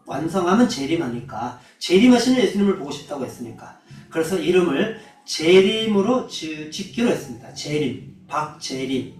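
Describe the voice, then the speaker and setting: A male missionary delivers a sermon in a fairly high voice, moving from earnest personal storytelling to solemn exhortation. The sound is roomy and echoing, caught from some distance off the mic. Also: big pitch swings, moderate pace, a little mellow. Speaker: missionary preacher. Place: church hall.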